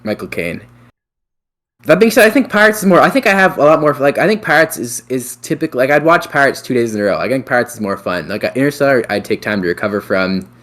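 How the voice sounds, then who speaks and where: A man's voice: mid-range voice, expressive, fast, a bit bright. A young man hosting a casual podcast chat, thinking aloud and unsure, with many fillers and restarts. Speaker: podcast host.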